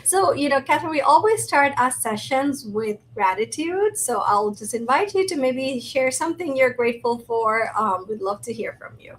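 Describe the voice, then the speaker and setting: A woman from Thailand co-hosting an interview conversation, upbeat and warm, often saying "you know". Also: high voice, expressive, moderate pace, hardly any pauses. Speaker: podcast co-host. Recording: remote video call, faint background noise.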